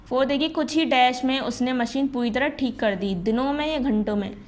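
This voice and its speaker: Higher-pitched woman teaching a class. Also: fairly quick. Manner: patient, explains step by step and asks the class questions. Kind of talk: classroom lesson.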